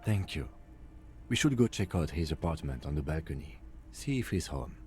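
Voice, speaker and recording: Cool, even-tempered cop partner, very low voice. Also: male voice, normal speed, soft background music. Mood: calm. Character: calm, composed male police partner. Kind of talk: game voice acting.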